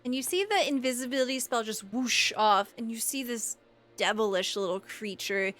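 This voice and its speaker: A woman's voice: fairly high pitch, normal speed, fairly bright tone, soft background music. A woman narrating a tabletop roleplaying game as game master, with descriptive, suspenseful storytelling.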